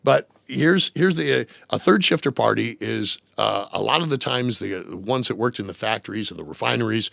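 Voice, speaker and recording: A man, a former radio DJ, telling stories in an interview, animated and laughing often, putting on voices for the people in his anecdotes. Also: medium pitch, brisk, gravelly, hardly any pauses, dry recording. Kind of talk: storytelling interview. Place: radio studio.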